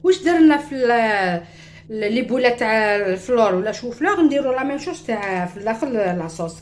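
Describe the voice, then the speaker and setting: A woman's voice: on the high side, lively intonation, fast. A woman with an Algerian Arabic accent gives a chatty home cooking demonstration, talking straight to her viewers and mixing in French words. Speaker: cooking show host.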